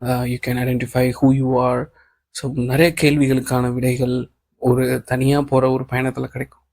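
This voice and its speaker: A man's voice: medium pitch, measured pace. A man reading a kind, encouraging boss. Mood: reassuring. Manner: calm, reassuring talk mixing English phrases. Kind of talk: audiobook reading of a novel.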